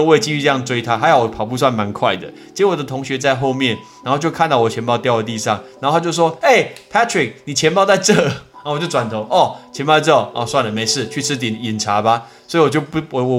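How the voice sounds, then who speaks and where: Guy hosting an english word podcast, lively storytelling, faint music under it. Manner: lively, swings pitch up when telling the story, slow when drilling words. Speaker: podcast host teaching English words. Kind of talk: casual storytelling and vocabulary lesson.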